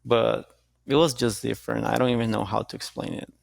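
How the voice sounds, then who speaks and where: Gravelly-voiced young man in a dry interview. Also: mid-range voice, no room sound. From Costa Rica. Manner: relaxed, halting, with restarts. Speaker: jiu-jitsu athlete, guest. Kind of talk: casual interview answers.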